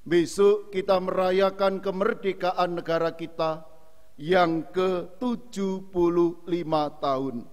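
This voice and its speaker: A man delivers a sermon at an unhurried, earnest pace. His voice sits fairly high for a man. Long reverb hangs after his phrases. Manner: slow, earnest preaching. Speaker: pastor.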